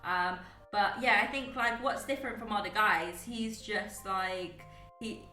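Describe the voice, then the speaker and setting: A woman's voice: medium pitch, measured pace, bright, forceful tone, reverberant, distant mic, faint music behind, rough recording. A young woman from Guyana and the UK chatting casually as a podcast host, rambling with lots of fillers and restarts. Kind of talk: casual chat.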